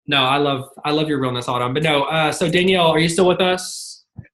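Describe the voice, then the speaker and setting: A woman's voice: low voice, fairly quick, a bit bright, echoey room. A woman leading a team training, talking to the audience in an upbeat, chatty way. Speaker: team leader running a training. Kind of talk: motivational sales training talk.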